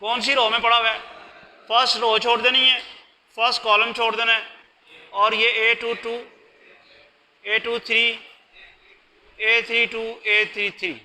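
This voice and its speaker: A man's voice: very high voice, little pitch movement, unhurried, pauses often, bright, forceful tone, a little hiss or hum, low-quality recording. A man giving a recorded math lecture, patient and explaining step by step. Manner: patient, explains step by step, mixes in English terms.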